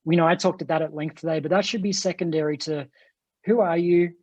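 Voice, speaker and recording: A man's voice: fairly high pitch, fairly even intonation, quick pace, darkish tone, no room sound. A man with a non-American English accent, a company executive answering interview questions over a video call, earnest and enthusiastic, often restarting his words. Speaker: franchise company executive, guest.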